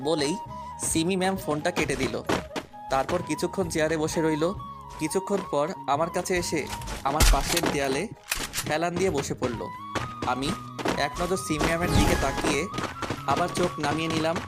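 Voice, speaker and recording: A man's voice: a little high, steady tone, a little fast, long pauses. A man narrating a first-person romantic story in a playful, cheeky way. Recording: loud background music.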